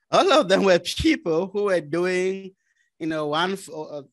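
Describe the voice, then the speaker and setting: A man from Cameroon, a business consultant and former pastor, telling his testimony in casual conversation, animated and laughing often. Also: sits high, slow, no room sound. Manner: animated, laughing often, acts out his own quoted lines. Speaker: guest.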